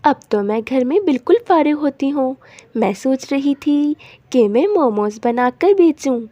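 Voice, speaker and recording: [name], a woman voicing a gentle young wife. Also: sits high, animated, a little slow, dry recording, dull audio.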